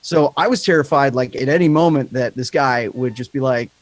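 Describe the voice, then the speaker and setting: In a casual podcast chat, a man with a higher-pitched voice and a slight lisp talks candidly and rambles, swearing freely. He speaks briskly, and the recording is dry.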